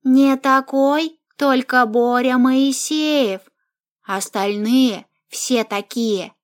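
A woman voicing a crude young man who jokes mockingly, read slowly. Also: high voice, voice pushed up.

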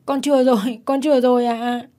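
A woman's voice: on the high side, flat delivery, fairly quick, mellow, pitched above the performer's own voice, natural voice. A woman voicing a terrified little boy who wails and begs for mercy in a spoken story. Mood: pleading, terrified. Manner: wailing, begging.

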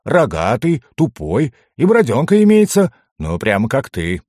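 A man voicing a loud, teasing male dwarf. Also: mid-range voice, huge pitch swings, normal speed, dry recording, studio quality. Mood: mocking. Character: boisterous, mocking male dwarf.

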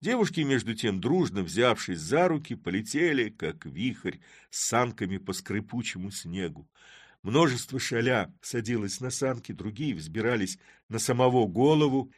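A man narrating classic prose in an animated, dramatic audiobook reading. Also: mid-range voice, moderate pace, dry recording, studio quality.

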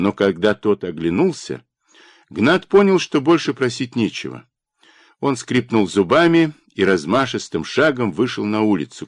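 Low-voiced, expressive male audiobook narrator. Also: no room sound. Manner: expressive, with lively pitch. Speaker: audiobook reader. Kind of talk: scripted narration. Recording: dry studio recording.

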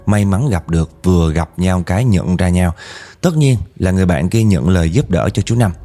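A man casually telling a ghost story to his viewers, his voice climbing when he quotes angry outbursts. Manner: animated, rises in pitch when quoting angry speech.

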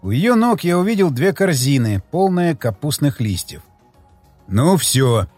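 A man narrating a tense first-person story in an expressive reading voice. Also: fairly high pitch, normal speed, slightly rough, no room sound. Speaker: audiobook narrator. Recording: dry close mic with faint music.

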